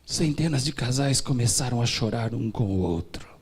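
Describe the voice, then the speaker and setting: A male pastor preaching a sermon, telling a story dramatically and swinging from loud passages to whispers. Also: medium pitch, expressive, normal speed, husky.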